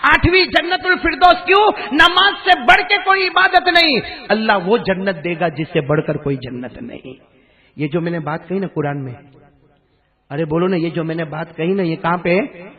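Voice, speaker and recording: A male preacher delivers a sermon to a live congregation, shifting between quiet talk and loud calls as he asks the crowd to repeat after him. He chants verses slowly in a high-sitting voice, and the recording is muffled.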